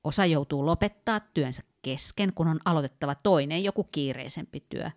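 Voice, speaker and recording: A woman with a low voice co-hosts a casual conversational podcast, explaining things thoughtfully. She walks through work examples, with frequent fillers and restarts along the way.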